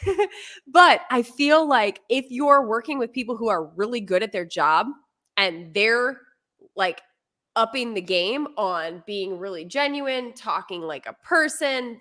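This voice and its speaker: A woman co-host with a bright, forceful voice that sits a little high. She chats in a lively, animated way and laughs easily. She talks like the former TV weather forecaster she is. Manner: chatty and animated, quick laughs. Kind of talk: casual chat.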